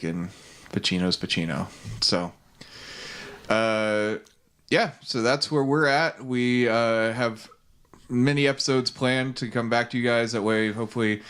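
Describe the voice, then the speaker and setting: Laid-back podcast host from Texas, lowish voice. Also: male voice. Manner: relaxed, rambling, lots of fillers. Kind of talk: casual chat. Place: home studio.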